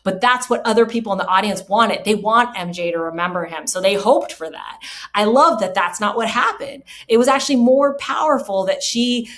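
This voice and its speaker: Woman podcast host, mid-pitched, warm-hearted gusher, casual rambling delivery full of fillers. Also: normal speed. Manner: enthusiastic, rambling with many fillers; emotional, moved by film moments.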